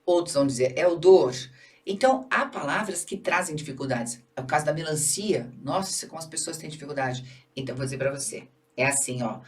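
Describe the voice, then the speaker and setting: A woman's voice: sits low, distant mic. A Brazilian woman teaching Portuguese for a public exam, explaining step by step, checking in with the listener and stretching syllables to show word stress. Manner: didactic, checks in with "tá bom?" and "certo?". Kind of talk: exam-prep grammar lesson.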